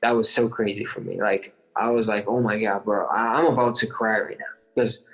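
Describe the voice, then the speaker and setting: A man's voice: lowish voice, level tone, normal speed, a bit bright, low-quality recording. Eager young man telling stories. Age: 20s. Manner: eager storytelling, full of likes and restarts. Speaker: guest athlete. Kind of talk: casual interview chat.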